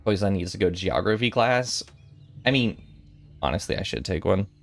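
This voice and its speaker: Faint music plays behind a young man in his twenties, a VTuber streamer whose low, vocal-fry voice is animated and brisk. He chats casually with his viewers, rambling and playful, with giggly asides.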